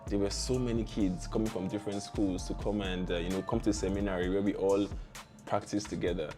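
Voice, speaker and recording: Over background music, a young Nigerian-accented man who founded a startup recounts his life in an interview, speaking briskly in a fairly low, steady voice. He stays relaxed, dropping slangy remarks and laughing easily.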